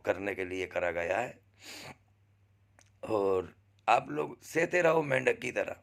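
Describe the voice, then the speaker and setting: A man giving an impassioned, preachy monologue, urging listeners to speak up and rising in pitch as he presses them. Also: vocal fry, fairly bright tone. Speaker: social media speaker.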